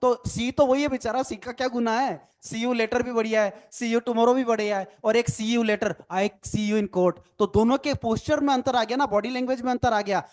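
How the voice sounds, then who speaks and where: High-voiced male lecture trainer. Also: steady tone, brisk, hardly any pauses, darkish tone. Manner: explanatory, repeats "ठीक है ना" tag questions; spells words out letter by letter. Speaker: NLP trainer. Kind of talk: recorded lecture.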